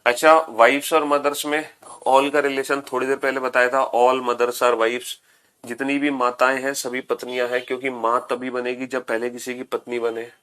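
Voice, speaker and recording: A man's voice: mid-range voice, level tone, moderate pace, a bit bright. Man, teacher, classroom lecture, repeats each point, patient step-by-step explaining. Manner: repeats points, addresses students as beta, mixes English phrases.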